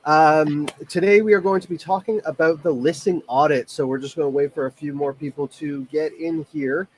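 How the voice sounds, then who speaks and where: A man's voice: on the high side, fairly even intonation, normal speed. Easygoing Canadian man hosting a webinar. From Toronto, Canada. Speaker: webinar co-host. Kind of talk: casual live webinar chat.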